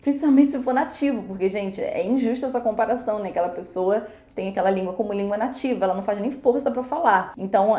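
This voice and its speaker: A woman teaching in a casual video lesson, chatty and quick, sometimes acting out examples. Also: fairly high pitch, mellow, reverberant. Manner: chatty, fast-talking, switches into English examples. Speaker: English teacher.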